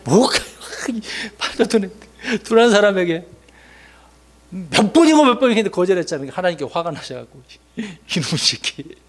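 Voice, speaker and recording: A middle-aged man delivers a sermon with a somewhat high-pitched voice. He throws questions at the congregation and briefly mimics the excuses people make, rising loud and then dropping low. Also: normal speed. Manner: lively preaching with rhetorical questions and acted-out excuses. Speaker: pastor.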